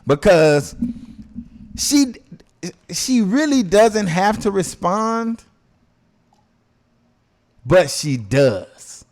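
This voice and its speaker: A man co-hosting a podcast in casual chat, animated and often repeating phrases for emphasis. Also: sits high, very slow, long pauses. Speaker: podcast co-host.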